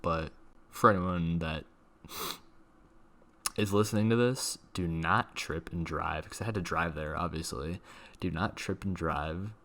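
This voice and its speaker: A young man who creates videos shares a loose, rambling personal story, speaking a little slowly in a low voice with a fairly bright tone. He's slangy and sweary, and "like" pops up constantly.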